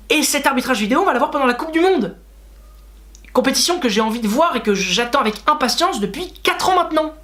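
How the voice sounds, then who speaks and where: A man's voice: extremely high pitch, a bit bright. A man hosting a casual football reaction video, talking straight to his viewers and ranting with frustration and sarcastic asides. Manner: talks to viewers directly.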